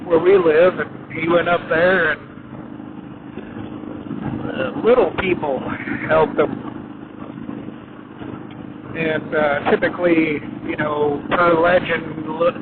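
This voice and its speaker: A man talking from inside a helmet as he rides, giving casual motovlog commentary in a halting, unhurried way with many pauses. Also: fairly high pitch, fairly even intonation. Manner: halting, unhurried, pausing often. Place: inside a helmet, riding a motorcycle on the highway. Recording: muffled inside helmet, motorcycle wind noise. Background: motorcycle engine and road wind, loud.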